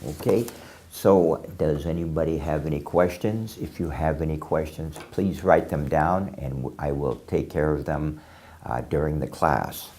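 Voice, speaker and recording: A man teaching English pronunciation to a class, explaining slowly and deliberately with frequent pauses and fillers. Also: very deep voice, warm tone, slightly rough. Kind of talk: classroom lesson.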